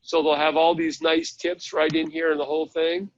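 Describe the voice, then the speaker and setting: A man's voice: fairly high pitch, completely flat delivery, normal speed, muffled recording. A man presenting a live online training session, chatting his way through a website step by step. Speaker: webinar presenter.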